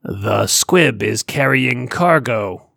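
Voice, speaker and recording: Man voicing a growling alien crewman, slow, formal, halting, dry sound. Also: medium pitch, expressive, gravelly, fairly bright tone, dry recording, exaggerated voice. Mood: grave.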